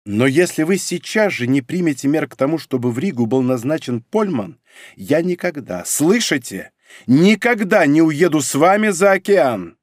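A man's voice: a little high, animated, normal speed, no echo. Bossy icy spy lady, man putting her on, mocking, audiobook, dry mic. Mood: cold. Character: cold commanding scheming woman spy. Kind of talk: audiobook character reading.

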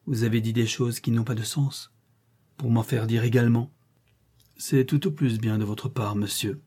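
A man's voice: mid-range voice, steady tone, normal speed, a little mellow, breathy edge, close to an everyday voice. A man reading the part of an earnest, guarded young governess in an audiobook, raising his voice a little for her.

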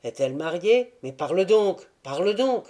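A woman reading a young Cossack, urgent and loud. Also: lowish voice, sing-song, normal speed. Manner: loud, pressing questions.

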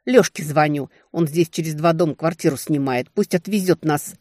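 A woman voicing a panicky young woman friend who shouts and frets in an audiobook. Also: deep voice, normal speed, no room sound, clean studio sound. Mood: urgent. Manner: loud, shrieking, agitated.

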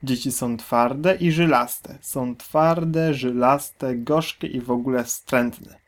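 A man voicing a smaller, scornful male crocodile in a storybook reading, with a high, mocking tone. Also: takes it slowly. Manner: squeaky, mocking.

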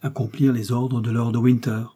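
Male reader playing a solemn, devoted young officer; dark, husky tone. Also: mid-range voice, level tone, normal speed, close to an everyday voice. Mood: solemn, resolute.

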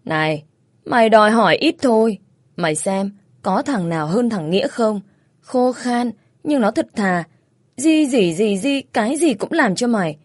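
A woman's voice: fairly high pitch, animated, measured pace, dry recording, studio quality. A woman reading a story voices a blunt, teasing young woman who bosses her younger friend around.

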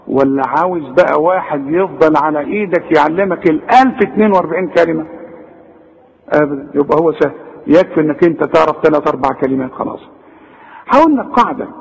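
A man's voice: a little high, vocal fry, a little mellow, in a large hall, low-quality recording. A man with an Egyptian Arabic accent teaching Quran recitation, drawing out example words and asking his listeners rhetorical questions. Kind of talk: tajweed lesson in Egyptian colloquial.

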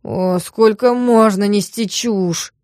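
A woman voicing an angry, hysterical young man who talks loud and bitter, in a dry reading. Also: medium pitch, brisk, no echo, lightly acted. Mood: furious.

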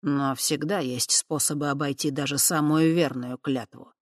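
A narrator performs a sly male half-spirit prince who mocks and threatens in a hushed, drawn-out voice. The recording is close and dry, with no room around it. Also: mid-range voice, fairly even intonation, dry recording, close to an everyday voice. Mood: quiet menace. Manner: soft, slow, silky and menacing.

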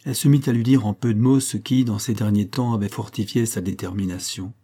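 A man narrating a classic novel chapter in a measured, even way. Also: lowish voice. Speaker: audiobook narrator. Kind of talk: scripted literary narration.

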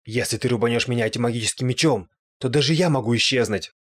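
A man's voice: mid-range voice, fast, fairly bright tone, natural voice. Guy doing a nasty taunting ghost, strained and raised, audiobook. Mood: angry. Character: gloating spiteful male ghost. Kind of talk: audiobook character voicing.

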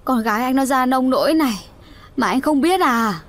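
Woman voicing a brisk village aunt. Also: high-pitched, lively intonation, voice pushed up. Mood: scolding. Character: scolding middle-aged aunt.

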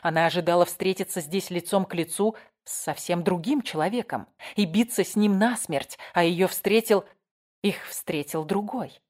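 Low-voiced woman narrating a thriller. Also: normal speed, darkish tone. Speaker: audiobook narrator. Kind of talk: dramatic audiobook narration.

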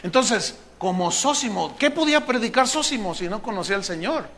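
High bright-voiced male pastor preaching. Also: lively intonation, brisk. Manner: humorous, mimics shouting preachers. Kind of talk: sermon.

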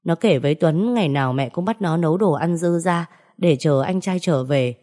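A woman narrating a scripted audio story in a steady, measured way. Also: lowish voice.

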